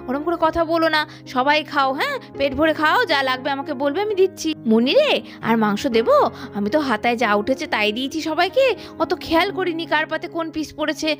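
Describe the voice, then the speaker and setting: A woman voicing a kindly motherly aunt doll in a doll cartoon, gently chiding and caring. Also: sits high, lively intonation, quick pace, faint music behind. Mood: gentle chiding.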